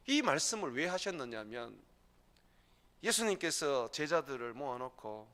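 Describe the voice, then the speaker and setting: A man preaching a sermon as pastor, emphatic, with sudden loud, high bursts. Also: big pitch swings, unhurried.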